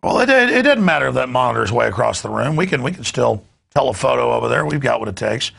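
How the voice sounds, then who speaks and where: A man's voice: mid-range voice, very animated, fast, vocal fry, a bit bright, slight background noise. A man hosting a news show in a studio, rambling off the cuff with stammering restarts.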